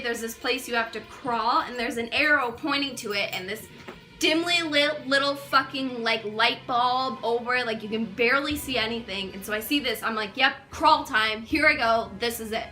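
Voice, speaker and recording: A young woman vlogger telling a casual storytime, chatty and animated, with lots of swearing and fillers. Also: fairly high pitch. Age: young adult.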